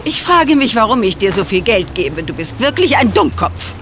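A woman's voice: mid-range voice, big pitch swings, moderate pace, fairly bright tone, a little hiss or hum. An actress in a German audio drama playing a scheming villainess, sneering and impatient as she orders a dim henchman around. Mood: scornful, commanding.

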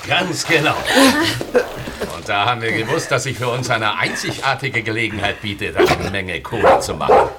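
Male actor as blunt, lively crook for a radio play; heavy noise behind. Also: lowish voice, moderate pace, lightly acted. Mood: gloating.

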